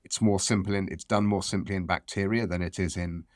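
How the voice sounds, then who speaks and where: A man speaking as an expert professor, explaining science conversationally in a measured way and repeating phrases for emphasis. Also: low voice, steady tone, no room sound, studio quality.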